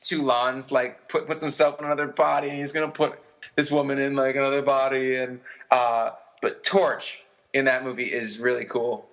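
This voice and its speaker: A man with a mid-pitched, bright voice that has some force behind it. He chats casually on a podcast, rambling, swearing and correcting himself as he goes. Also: level tone, moderate pace. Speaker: podcast co-host. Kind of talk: casual chat.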